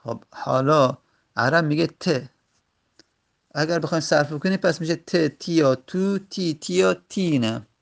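A man with a gravelly, slightly high voice teaches a grammar lesson. He works through each rule step by step and pauses between short phrases. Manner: methodical, explains step by step with pauses.

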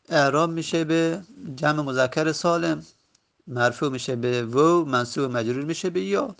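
Gravelly-voiced male teacher reciting word forms. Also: on the high side, a bit bright. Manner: patient, explains step by step and recites word forms in chanted lists; asks and answers his own questions. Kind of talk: grammar lesson.

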